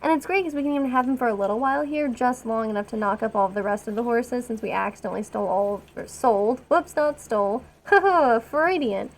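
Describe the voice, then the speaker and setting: A woman's voice: fairly high pitch, fast, few pauses, a little hiss or hum. A woman streaming a colony-building game, chatting casually with rambling, self-deprecating asides. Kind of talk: casual gameplay commentary.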